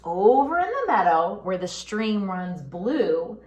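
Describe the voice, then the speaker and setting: Using a medium-pitched voice, a woman reads a picture book aloud for little kids, singsong and expressive. She pauses to pose questions the way a pre-K teacher would.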